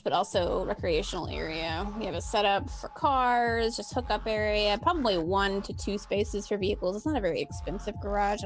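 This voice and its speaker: A woman player in a tabletop game, casually improvising descriptions of the scene. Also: medium pitch.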